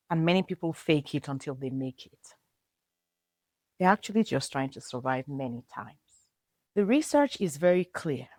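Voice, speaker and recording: A woman hosting a podcast, delivering scripted explanatory narration in deliberate, emphatic short phrases. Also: low-pitched, darkish tone, dry recording, clean studio sound. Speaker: podcast host.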